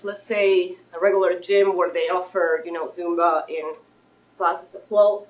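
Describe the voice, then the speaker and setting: Poor audio captures a mid-range female voice belonging to a Russian woman in her thirties. She gives a live-audience pitch for her fitness business, keeping it casual and warm while restarting sentences and using fillers.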